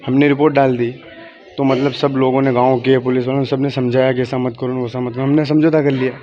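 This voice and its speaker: A man recounting being attacked, telling a reporter in halting, repetitive speech with many restarts. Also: mid-range voice, little pitch movement, mellow, highs cut off. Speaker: victim giving a statement. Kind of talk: on-the-spot account to a reporter.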